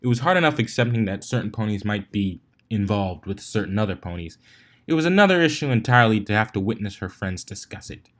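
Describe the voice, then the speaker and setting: In a fairly low, fairly bright voice, a man narrates a fan fiction story fast and expressively, complete with character voices. He sometimes stumbles on a word before correcting it.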